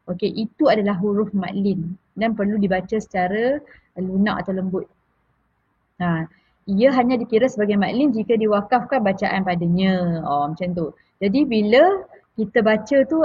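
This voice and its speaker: A woman's voice: medium pitch, slightly rough, no room sound, highs cut off. A woman with a Malaysian Malay accent teaching a recitation lesson in a casual, hesitant way, with many fillers and restarts as she repeats key points. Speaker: tajwid teacher.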